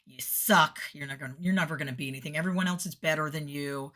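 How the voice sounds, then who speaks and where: A nasty, belittling inner critic, as a woman puts it on. Low-ish and taunting. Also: fast, sharp tone. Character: nagging, mean inner voice of self-doubt.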